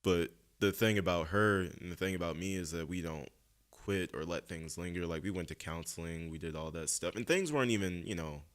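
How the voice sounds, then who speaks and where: A young man hosting a casual podcast chat, talking earnestly and reflectively with lots of fillers. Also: sits low. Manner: earnest, reflective, speaks slowly with many fillers. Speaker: podcast host.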